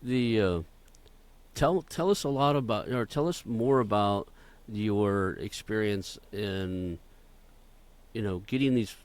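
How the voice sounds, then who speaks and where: Deep-voiced man in his fifties. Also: clear, resonant tone. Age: 50s. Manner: halting, restarts questions. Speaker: podcast host. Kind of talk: podcast interview.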